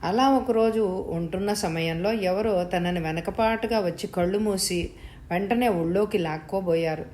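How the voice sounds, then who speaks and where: A woman narrating a novel episode in a calm, even storytelling manner. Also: mid-range voice, moderate pace, slight background noise. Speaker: audiobook narrator. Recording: roomy echo.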